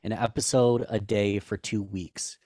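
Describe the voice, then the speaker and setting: A man guesting on a podcast chats casually, candid and self-deprecating, rambling and restarting his sentences. His voice sits higher than most men's but has a dark tone, delivered level and unhurried. The recording is studio quality with no echo.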